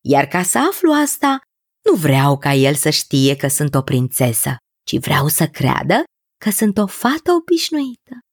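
A woman's voice: deep voice, big pitch swings, slightly rough, dry recording, studio quality, exaggerated voice. A woman voicing a brave, eager young princess who earnestly pleads with her father. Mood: pleading.

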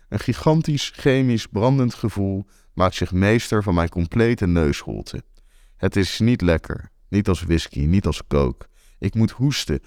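Low-voiced man narrating wryly. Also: darkish tone, no room sound, clean studio sound. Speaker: author and narrator. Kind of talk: first-person storytelling narration.

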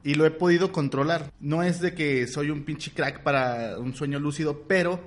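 A young adult man with a Mexican accent, telling stories in relaxed, slangy casual chat as a podcast co-host. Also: a little high, normal speed. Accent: Mexican Spanish.

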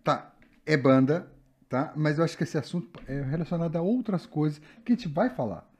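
A man's voice: fairly high pitch, a little fast, darkish tone, husky. A man co-hosting a casual podcast chat, joking and teasing, tired from going without sleep. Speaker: podcast co-host.

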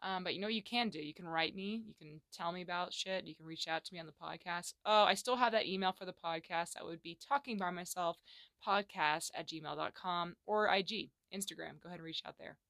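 A young woman hosting a solo podcast from her home closet, chatting candidly in slang and moving between loud bursts and hushed asides. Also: lowish voice, fairly quick, no room sound. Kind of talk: casual solo podcast chat.

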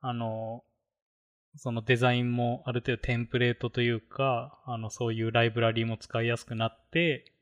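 Man, casual tech podcast chat, rambling, lots of fillers, middle pitch. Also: flat delivery, normal speed, lo-fi sound. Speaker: podcast co-host.

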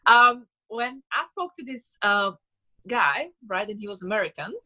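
In a relaxed personal conversation, a young Slovak guest who runs a business speaks accented English at a measured pace. Her medium-pitched voice is bright and forceful, and her earnest, emphatic manner includes frequent repetition.

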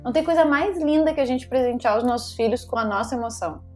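A woman's voice: a little high, fast, a little mellow, soft background music. A middle-aged woman, a psychologist talking on a podcast in an emphatic way that repeats rhetorical questions. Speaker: psychologist guest. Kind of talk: podcast conversation.

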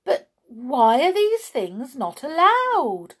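A sunny little storybook heroine, voiced by a woman, chirps in a high, smiling voice. She is cheerful and giggly, with lively rises and falls. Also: slow, exaggerated voice. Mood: cheerful, curious.

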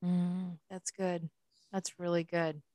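A woman hosting an interview, warmly affirming her guest with frequent soft agreement. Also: on the low side, little pitch movement, takes it slowly, dry recording. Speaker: host.

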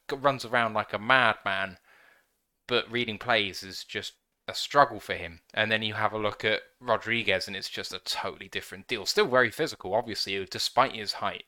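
A man hosting a live-streamed sports podcast in a relaxed way, thanking viewers and giving his view. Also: on the low side. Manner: relaxed, reads out viewer comments. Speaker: podcast host.

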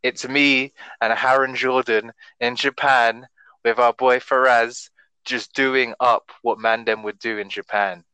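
Bright-voiced man. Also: medium pitch, steady tone, measured pace, smooth, dry recording, poor audio. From Britain. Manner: slangy, emphatic. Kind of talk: casual chat with slang.

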